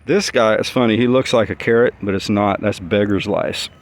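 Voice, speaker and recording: Middle-aged guy wandering his backyard garden, lowish voice, rambling and easygoing, thinking out loud. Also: normal speed. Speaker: home gardener giving a garden tour. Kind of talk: casual walk-and-talk.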